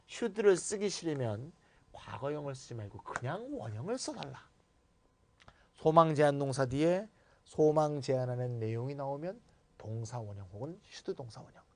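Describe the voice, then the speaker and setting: A man with a medium-pitched voice gives a grammar lecture in a playful, animated way. He flips between formal and bluntly casual speech and acts out sample replies.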